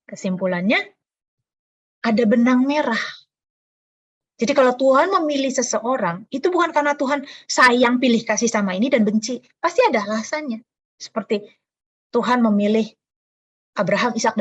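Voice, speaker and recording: A woman pastor preaches in a high, bright-pitched voice, lively and conversational, and acts out the sounds in her everyday stories. The recording is muffled and lo-fi. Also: normal speed, pauses often. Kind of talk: sermon.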